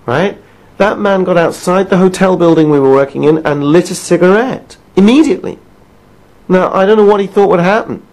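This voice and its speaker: A man's voice: a little high, a little mellow. Emphatic man coaching smokers. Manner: emphatic, conversational, checks in with "Right?" and "Okay?". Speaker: stop-smoking coach. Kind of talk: self-help audio lesson.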